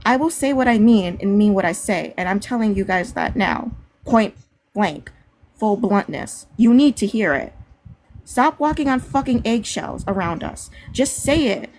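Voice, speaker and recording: A woman's voice: medium pitch, expressive, measured pace, darkish tone. A woman speaking out bluntly and with fire in a live discussion, swearing freely. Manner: blunt, fiery and profane. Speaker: panel discussion participant.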